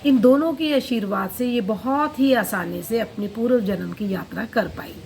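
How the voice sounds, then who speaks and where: A woman with a fairly high voice talks as a regression therapist, telling a client's session as a story and voicing both her own questions and the client's answers. A faint noise sits under the recording. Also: normal speed, gravelly, a little mellow, rough recording. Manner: storytelling, quotes client and herself in turns. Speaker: past-life regression therapist.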